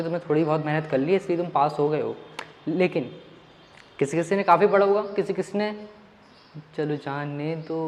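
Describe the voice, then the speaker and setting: Chatty male maths teacher, echoey room. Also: a little high. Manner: chatty, addresses students directly, mixes in English words. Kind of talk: casual online lesson talk. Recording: long reverb.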